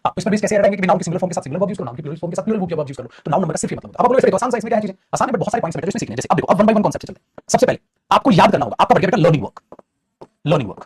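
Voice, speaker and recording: A man teaching a live online grammar class at a rapid clip. His voice is husky and sits a little high, and he rattles through repeated points while calling his students "beta". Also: lively intonation, a little mellow. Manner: fast, repetitive, calls students beta.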